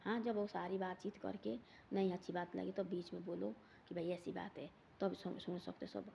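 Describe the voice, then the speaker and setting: A woman's voice: lowish voice, flat delivery, normal speed, vocal fry, mellow, slight background noise. A woman, telling a moral story in a casual, rambling way and repeating words over and over.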